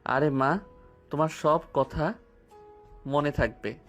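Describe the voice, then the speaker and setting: A man's voice: fairly high pitch, fairly even intonation, takes it slowly, a bit bright. A man voicing a cheeky, cocky young male college freshman who answers back defiantly in an audio drama. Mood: casual. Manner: mocking, defiant. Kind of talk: Bengali audio love-story drama. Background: faint background music.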